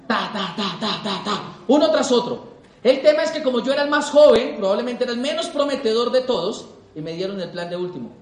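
An extremely high-pitched young Colombian man talks fast with lively intonation, giving an emphatic motivational speech to a live audience. He leans on repeated rhetorical questions, and the hall around him echoes.

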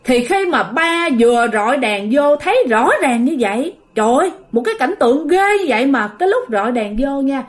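A woman's voice: high-pitched, animated, a little fast, few pauses. A woman telling a ghost story in a chatty way, talking straight to her listeners. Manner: chatty, addresses listeners directly.

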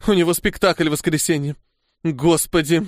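A man's voice: a little high, fairly even intonation, moderate pace, no echo, clean studio sound, close to an everyday voice. A man voicing an anxious woman who pleads on her husband's behalf. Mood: desperate.

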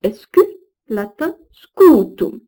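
Lady reading a recorded lesson, slow careful words, every syllable stressed. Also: medium pitch, very animated, mellow, poor audio. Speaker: teacher of Old French. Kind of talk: recorded course lesson with recited verse.

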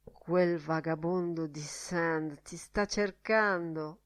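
A woman's voice: mid-range voice, lively intonation, unhurried, a bit bright, pitched above the performer's own voice. A woman reading an audiobook, voicing a mocking, theatrical young man who slips into a whining comic dialect. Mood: mock-warning.

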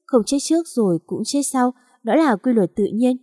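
A woman narrating a sad story in a slow, mournful reading style. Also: a little high, lively intonation, dark tone, no echo, clean studio sound. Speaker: audiobook narrator.

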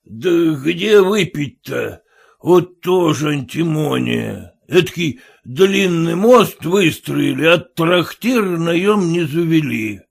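A man's voice: high-pitched, gravelly, pitched above the performer's own voice, exaggerated voice. A man voicing a drunk middle-aged merchant father who mumbles with a slurred tongue.

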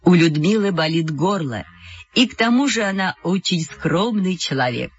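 A woman reading an audiobook, voicing a pompous, lanky schoolboy radio reporter with a nasal, self-important tone, lower than her own voice. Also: lively intonation, normal speed, slightly rough, highs cut off.

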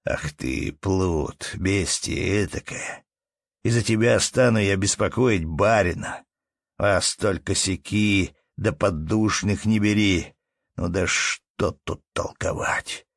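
A man's voice: low voice, slow, creaky, dry recording, clean studio sound, exaggerated voice. A man reading an audiobook and voicing an arrogant, bullying estate steward who scolds and threatens in a contemptuous tone. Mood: scolding.

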